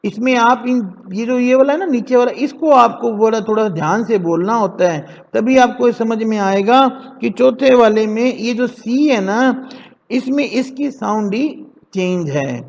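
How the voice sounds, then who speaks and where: A man teaching an English lesson to children in Hindi, slowly drilling words for them to repeat. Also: extremely high pitch, vocal fry. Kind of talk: classroom lesson explained in Hindi. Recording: dull echoey classroom recording.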